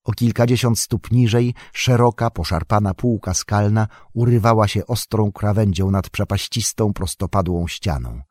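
A male audiobook narrator telling a fantasy story in an even, measured way. His voice is low and husky, recorded close to the mic in a dry room. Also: no room sound. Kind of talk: scripted narration of a fantasy novel.

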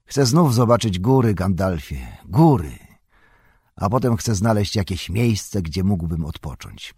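A man voicing an irritable, possessive old male hobbit in an audiobook, in a higher, agitated voice. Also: sing-song, husky, dry recording, clean studio sound, full character voice. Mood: wistful. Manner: higher, louder, quick and agitated. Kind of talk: audiobook character voice.

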